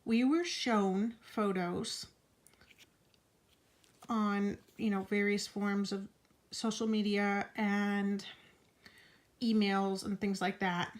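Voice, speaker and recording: A woman's voice: medium pitch, fairly even intonation, takes it slowly, long pauses. An out-of-breath woman giving a casual update vlog from her bed at home, talking in a frank, indignant way and sometimes dropping into a whisper. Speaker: vlogger.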